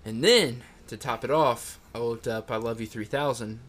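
A man's voice: medium pitch, normal speed, fairly bright tone. Laid-back man telling a story. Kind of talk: casual storytelling chat.

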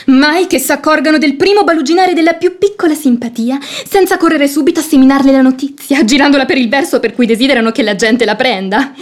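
In a theatrical radio play, an actress with a high female voice plays a sharp-tongued, outspoken young maidservant, delivering her lines in a sardonic, pointed way.

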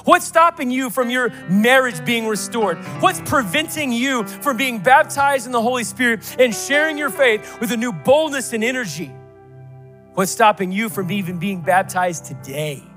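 A male pastor preaches with a high, ringing voice and a bright edge. He drives his points home with repeated rhetorical questions and rising builds. Faint music sits under the sermon. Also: animated, moderate pace.

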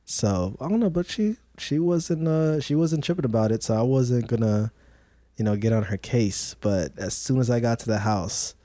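A man's voice: medium pitch, normal speed, warm tone, no room sound. A man in a casual chat, a father talking with jokes, slang and many fillers. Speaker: podcast co-host, father.

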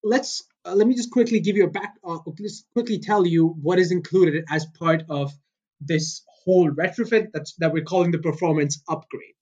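A man's voice: fairly high pitch, moderate pace, darkish tone, dull audio. A man explaining a product upgrade in an upbeat, salesy way, like an infomercial. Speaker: product specialist guest.

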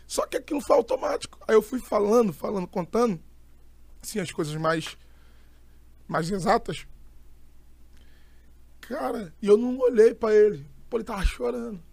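Young Brazilian preacher, high gravelly voice, animated emphatic storyteller. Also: male voice, moderate pace, pauses often, no room sound. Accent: Brazilian Portuguese. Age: young adult. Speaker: itinerant preacher and pastor. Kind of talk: casual storytelling chat.

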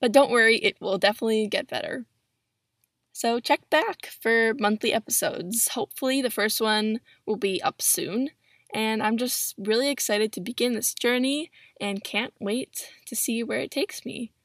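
Recorded in a pillow-padded closet on a built-in laptop mic, a 17-year-old hosts a solo podcast in a chatty way. She has a fairly high, slightly bright voice at a moderate pace, and the recording is dry and studio quality.

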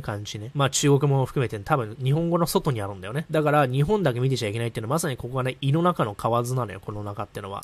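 A middle-aged man giving a blunt, slangy monologue, stringing ideas together with repeated "equals" chains. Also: medium pitch. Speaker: commentator. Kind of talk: casual monologue on culture and values.

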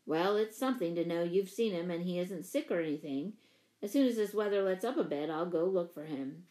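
Earnest quiet father, lowered subdued voice, storybook reading, woman doing the voice. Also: a little fast, close to an everyday voice. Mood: relieved. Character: grateful middle-aged father, quiet and earnest.

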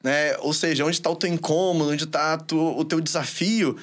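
A man's voice: a little high, fairly even intonation, normal speed. A man hosting a casual podcast, talking reflectively about fear, symbols and the sea. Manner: reflective, draws on symbols and psychology. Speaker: podcast host.

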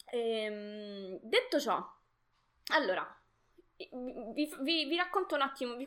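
A young woman with a bright, forceful voice pitched a little high hosts a live stream in a casual, chatty way. She greets viewers, reads their comments aloud and laughs easily as she talks.

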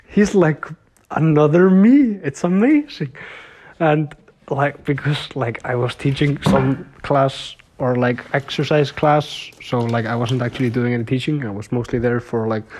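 A man's voice: on the high side, a little mellow. A young man talking to his viewers in a casual video diary. He rambles, uses many filler words and laughs often between his stories. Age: young adult. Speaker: vlogger.

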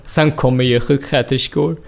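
Gravelly young man. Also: mid-range voice. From Syria. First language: Arabic. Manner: animated, laughing storyteller with broken Swedish. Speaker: guest. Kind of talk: storytelling interview.

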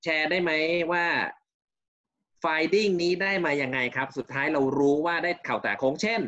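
A man's voice: a little high, normal speed, fairly bright tone, highs cut off. A man hosting a talk show, asking probing questions in a casual way and repeating words. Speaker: host. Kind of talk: interview questions.

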